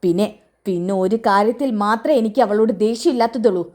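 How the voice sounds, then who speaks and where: A woman voicing a stern, bitter middle-aged man who gives gruff orders to his companion. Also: mid-range voice, fast, darkish tone, lightly acted.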